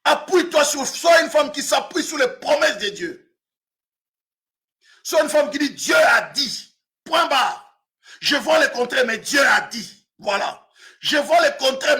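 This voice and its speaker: A man in his fifties, a pastor from Africa, preaching a sermon with frequent shouted emphasis. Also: extremely high pitch. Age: 50s.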